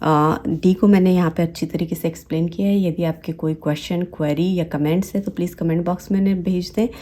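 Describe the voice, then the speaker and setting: A woman with a Hindi accent, teaching English phonics. She says each example word slowly and repeats it several times. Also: fairly low pitch, fairly even intonation, mellow. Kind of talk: slow, deliberate teaching with repeated example words.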